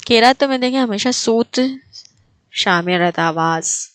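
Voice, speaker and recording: A woman's voice: medium pitch, lively intonation, clean tone. A woman teaching an exam prep lecture, asking her class questions and then answering them herself.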